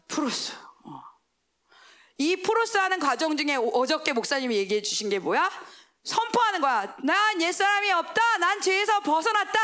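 Animated, high-pitched woman preaching a sermon. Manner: animated, asks the congregation questions and answers them; swings between raised exclamations and hushed whispered asides.

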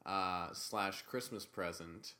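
A man co-hosting a podcast in casual, joking chat, with playful deadpan asides. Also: low voice, slow. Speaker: podcast co-host.

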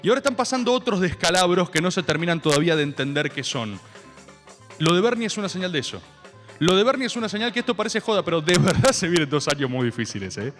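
A man's voice: sits high, big pitch swings, fast, a bit bright, big-room sound, soft background music. A man with a Rioplatense Argentine accent, hosting a stream of ironic political commentary full of rambling asides. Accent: Rioplatense Argentine Spanish. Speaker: host.

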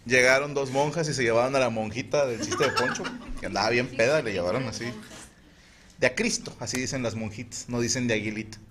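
Mexican man, mid-range voice, casual crude joke-teller, animated, faint hiss. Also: mid-range voice, fast. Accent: Mexican Spanish. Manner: animated joke delivery, breaks into laughter. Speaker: podcast co-host. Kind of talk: telling crude jokes in casual chat.

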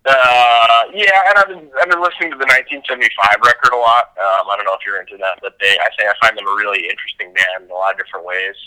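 A man's voice: lowish voice, very fast, hardly any pauses, pushed and bright, clean tone, low-quality recording. A man chatting as a podcast guest, rambling with lots of filler words. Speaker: guest baseball reporter. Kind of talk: casual podcast chat by phone.

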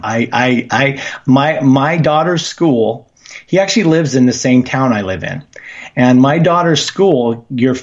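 Halting middle-aged man on a dull line. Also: medium pitch. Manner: halting, many restarts, earnest. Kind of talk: casual radio call-in chat.

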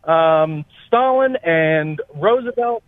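A middle-aged man from New Jersey calling a radio show, speaking politely and earnestly, a bit haltingly. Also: fairly high pitch, animated, no room sound. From New Jersey, United States. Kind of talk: polite, earnest phone-in question. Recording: thin, narrow phone line.

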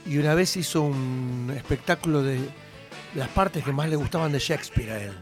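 Middle-aged male singer, Argentine accent, animated radio guest, music clearly behind. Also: medium pitch, moderate pace. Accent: Argentine Spanish. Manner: animated storyteller, trails off with hesitations. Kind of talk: casual radio interview chat.

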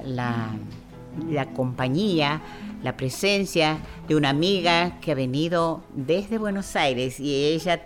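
Low, slow-talking woman host. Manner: warm-hearted thanks, lingering slow speech with hesitations. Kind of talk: live folk music show hosting. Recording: folk music playing behind.

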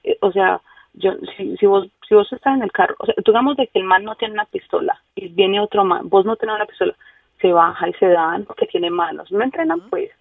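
A woman's voice: medium pitch, expressive, brisk, creaky, no room sound. A woman from Colombia with a Colombian accent, calling in to a radio show, talking bluntly and swearing freely. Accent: Colombian Spanish. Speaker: caller. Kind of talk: casual phone chat with radio hosts. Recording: tinny phone line, distant.

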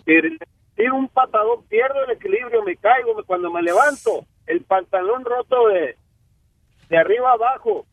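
A man calling in, telling a story in halting speech with restarts. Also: very high voice, lively intonation, no echo. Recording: tinny phone line.

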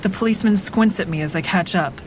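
An actress, lightly acted and guarded in mood, narrates in first person as a grieving woman who quietly deceives in an audio drama. She is measured and introspective, over a steady vehicle rumble.

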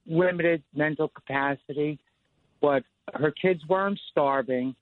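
A man's voice: on the high side, dry recording. A man calling in by phone to a radio show. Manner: rambling storyteller with many fillers like "you know" and "like". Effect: phone line call-in to a radio show. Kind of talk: telling a personal story on a call-in show. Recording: tinny dry phone line.

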